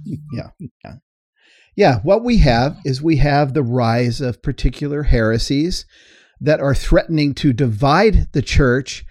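A man's voice: mid-range voice, lively intonation, a little slow, a little mellow, dry recording, studio quality. A middle-aged man co-hosting a talk show, explaining things earnestly and laughing easily. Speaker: co-host and teacher. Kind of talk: explanatory discussion.

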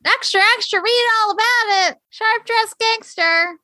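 A woman hamming up an old newsreel newsboy hawking headlines. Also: exaggerated voice. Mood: hyped. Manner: loud, high, rapid newsreel-style hawking. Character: old-time newsreel newsboy announcer, brash and breathless. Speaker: podcast co-host. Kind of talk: podcast chat with playful impression.

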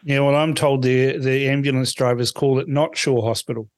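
A man from Fiji hosting a casual radio phone-in, speaking conversationally with a halting delivery. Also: mid-range voice, fairly even intonation, dry recording. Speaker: radio talk show host.

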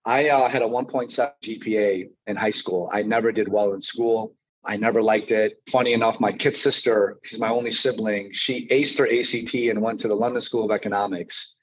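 As a guest on a podcast, this mortgage branch manager and coach from Chicago, United States, recounts his life casually. He's in his thirties and speaks fairly quickly in a fairly low, steady voice, captured in somewhat dull lo-fi sound.

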